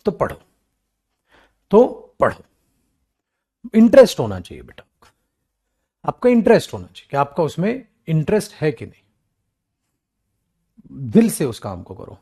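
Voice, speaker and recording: An English teacher coaching for government exams delivers a classroom grammar lecture in Hindi with English examples. He is animated, swinging between affectionate scolding and coaxing, uses the word beta for his students, and imitates whining ones in a low, weak voice.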